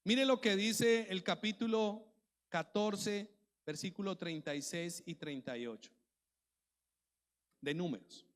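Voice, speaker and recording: A pastor's voice, sitting high for a man, preaching with lively, animated delivery. His sermon rings with the long reverb of a church hall, and he slips into quoted voices of anxious churchgoers. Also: slow, long pauses.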